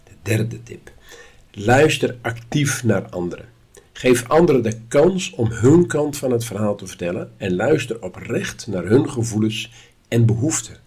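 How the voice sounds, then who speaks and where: A man giving a calm, instructive spoken lesson at a measured pace. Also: medium pitch, husky. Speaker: course teacher.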